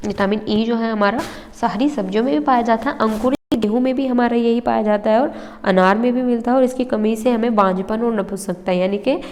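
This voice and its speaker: In a roomy space with long reverb, a young woman teaches exam prep over handwritten notes, breaking things down step by step and checking in with listeners between occasional slight coughs. Her voice leans high and a little mellow, and she talks a little fast.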